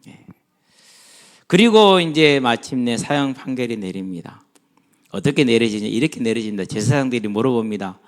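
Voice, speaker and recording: A man preaching an afternoon church sermon, asking the congregation questions and acting out the voices of people in the story. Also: mid-range voice. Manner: animated, acts out quoted voices, asks the congregation questions. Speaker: pastor.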